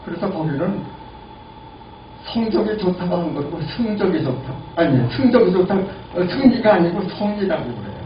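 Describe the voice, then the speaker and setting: A man in his eighties giving a lively lecture and asking the audience questions. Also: high-pitched, moderate pace. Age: 80s. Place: lecture room. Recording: lo-fi, echoey, distant, noisy.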